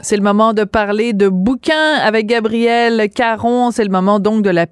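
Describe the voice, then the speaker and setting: Lively Québécois woman radio host. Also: a little high, smooth, faint music behind. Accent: Québécois French. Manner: lively, quick to laugh and chime in. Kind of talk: radio talk show hosting.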